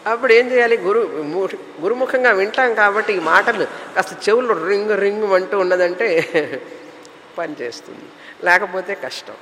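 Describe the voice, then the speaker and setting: A man's voice: high-pitched, lively intonation, moderate pace, sharp tone, long reverb tail, slight background noise, low-quality recording. A man giving a spiritual discourse as a teacher, explaining terms in long listed runs. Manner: explanatory, lists terms in runs, mixes English words.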